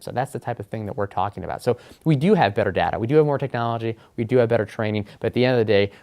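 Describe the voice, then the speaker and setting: A man's voice: lowish voice, darkish tone. Earnest man explaining policy. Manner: earnest, explanatory, frequent "um" and "you know". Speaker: education policy official. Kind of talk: interview answers in a webinar.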